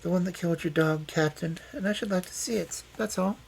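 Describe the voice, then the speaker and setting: A man puts on a storybook woman, calm and sympathetic, with a coaxing, probing way of talking. The pitch is lifted high, over some background noise. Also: brisk.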